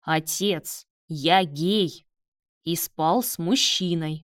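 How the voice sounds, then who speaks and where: A man's voice: sits high, animated, slow, dry recording, clean studio sound. A woman voicing a blunt, sardonic young male doctor who speaks in curt, cutting lines. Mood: firm.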